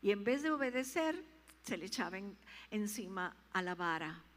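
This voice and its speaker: A woman's voice: medium pitch, sing-song, moderate pace. A woman pastor preaching a sermon, emphatic and repetitive, rising to fervent peaks, in a reverberant church hall.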